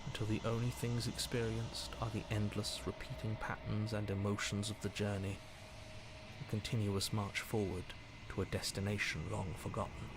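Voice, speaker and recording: A man as a low, solemn game narrator. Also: level tone, moderate pace, noisy background, close to an everyday voice. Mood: solemn, ominous. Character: solemn, ominous storybook narrator, stern and exasperated. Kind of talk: scripted second-person game narration. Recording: loud game music behind the voice.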